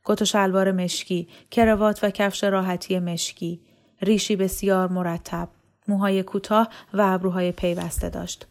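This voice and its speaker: Woman narrating a novel in steady tones. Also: mid-range voice. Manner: steady, measured reading. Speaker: storyteller.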